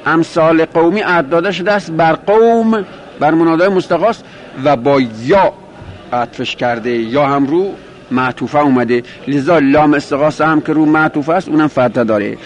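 A man teaching a grammar lesson, explaining step by step, asking and answering his own questions, and slowing down to repeat quoted phrases. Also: fairly high pitch, muffled recording. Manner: repeats and rephrases terms, slows on quoted Arabic. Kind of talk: classroom lecture explaining a grammar text.

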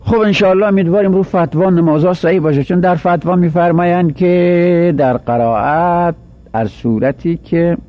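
A man teaching a seminary class, explaining grammar point by point and reciting Arabic verses aloud. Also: high-pitched. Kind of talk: classroom lecture. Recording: dull, dry lo-fi recording.

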